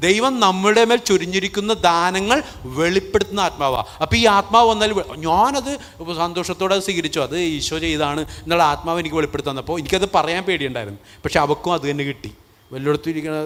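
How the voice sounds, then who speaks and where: A priest preaching a fervent sermon, often firing questions at the congregation and rising to passionate peaks. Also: male voice, a little high, a bit bright, in a large hall. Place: church.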